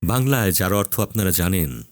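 Male preacher, deep-ish and very expressive, dry close recording. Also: dry recording. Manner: slow, solemn, emphatic with drawn-out pauses. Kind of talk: dramatic sermon narration.

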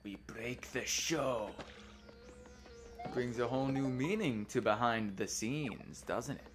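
A man's voice: medium pitch, slow. A young man giving casual, informal, rambling gameplay commentary as the host of a let's play. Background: game music.

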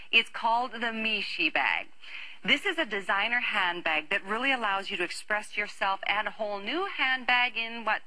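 A middle-aged woman hosting a home shopping show, delivering an enthusiastic, chatty sales pitch in a TV studio. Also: pushed and bright, poor audio.

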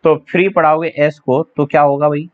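In this exam-prep vocabulary lesson, a man jokes and chats while spelling English words out letter by letter. He speaks fairly quickly in a level tone with a fairly high pitch, and the lo-fi audio sounds slightly dull.

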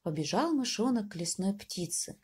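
A woman narrates a children's fairy tale with gentle, lilting storytelling. Her voice is mellow and warm, with a slightly husky, breathy edge. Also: medium pitch, animated, normal speed.

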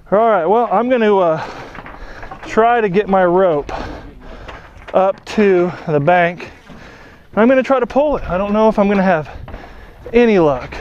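An excitable young man narrates his outdoor magnet fishing into a body-worn action camera, his voice pitched high. He chats easily with viewers, and the audio sounds slightly dull with faint outdoor noise. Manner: excitable, chatty, keeps addressing viewers as boys. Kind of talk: excited outdoor vlog commentary. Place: outdoors on a lake dock and shore.

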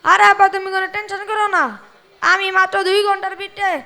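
A man's voice: very high-pitched, completely flat delivery, fast, sharp tone, heavily acted. A young male actor playing a self-important engineer son who brushes off his father, speaking colloquial Bangladeshi Bengali. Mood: pompous. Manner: pompous, dismissive. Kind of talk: amateur stage drama.

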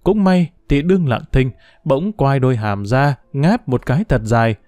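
A man narrating a village story at night in a calm, measured reading voice. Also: medium pitch, dry recording.

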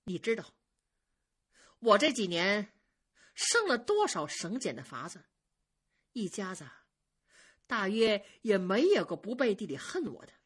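Woman playing a shrewd household mistress, confiding, husky, lively. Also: medium pitch, unhurried, pauses often, heavily acted.

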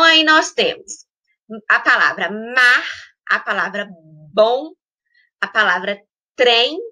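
A woman teacher with a Brazilian accent and a bright, ringing voice pitched a little high. She stretches out each word slowly as she works through a school lesson. She keeps checking that her young students are following along. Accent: Brazilian Portuguese. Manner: slow, drawn-out spelling of words with frequent check-ins.

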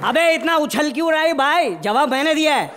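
An actor playing a loud, lazy, boastful police officer in a live stage comedy sketch, teasing and punning. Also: male voice, very high-pitched, a little fast, over music. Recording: live studio with audience laughter.

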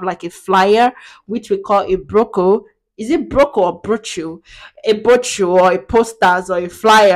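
Woman, young adult, casual vlog talk, direct, matter-of-fact, middle pitch. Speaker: digital marketing agency owner.

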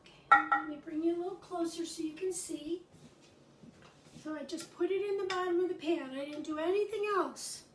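An older woman who teaches cooking to children at the library explains a recipe step by step in a very high, somewhat bright voice at a moderate pace. Recorded from a few feet away, the echoey home kitchen has slight background noise and faint sizzling of frying meat.

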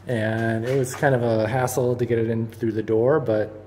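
A man filming his own basement renovation, calmly talking through the work as he goes and thinking out loud with small restarts and fillers. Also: medium pitch, moderate pace, a little hiss or hum. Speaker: DIY home renovator. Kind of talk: casual first-person narration. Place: unfinished basement room indoors.

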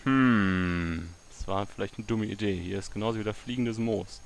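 A man with a fairly low voice talks through his gameplay in a loose, chatty way. He mutters to himself and sometimes bursts out loudly. There is a faint hiss under the recording. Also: normal speed, gravelly. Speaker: let's play gamer. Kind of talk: casual gameplay commentary.

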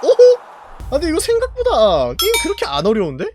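A man streaming a party game, commenting live, often yelling and laughing at the action and cursing at rival players. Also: very high-pitched, huge pitch swings, fast. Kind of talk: excited gameplay commentary.

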